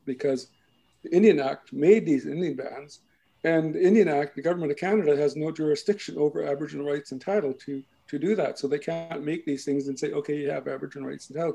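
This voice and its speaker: Mellow-voiced man explaining place names. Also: on the high side, vocal fry, low-quality recording. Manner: explains slowly, often checks with "right?". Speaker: language and culture speaker. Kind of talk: explanatory talk.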